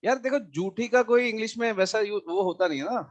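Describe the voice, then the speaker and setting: High-voiced Hindi math teacher man. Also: fairly quick. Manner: mixes Hindi with English math terms, asks students questions. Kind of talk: online class, chatty then teaching.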